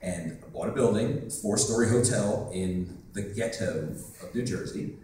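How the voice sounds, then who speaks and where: A slightly low-voiced man telling a rambling, joking story at a convention panel. He is heard from far off in an echoey hotel meeting room, with a faint hum of the room behind him. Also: measured pace, warm tone.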